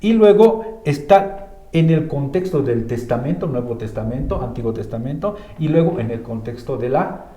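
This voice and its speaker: Bolivian male church teacher, dark tone, casual explainer, roomy recording. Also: mid-range voice, animated, normal speed. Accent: Bolivian Spanish. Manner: explains with many filler tags and restarts. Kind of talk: conversational Bible teaching. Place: church room. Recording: roomy echo.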